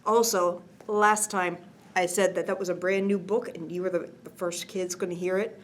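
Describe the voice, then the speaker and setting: Hosting a children's bedtime storytime, a woman reads a picture book gently and expressively at a moderate pace, with casual asides. Her voice is somewhat low with fairly even intonation, often dropping to a near-whisper.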